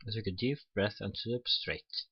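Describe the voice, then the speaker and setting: Speaking at a moderate pace in a slightly rough, low-leaning voice, a man plays a game for his channel, voicing the story text and adding casual commentary. The audio is dull and roomy, and faint music sits in the background.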